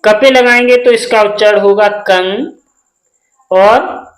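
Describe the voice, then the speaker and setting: A man teaching English spelling step by step, spelling letters out one by one and asking the class quick questions. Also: high-pitched, roomy sound, poor audio.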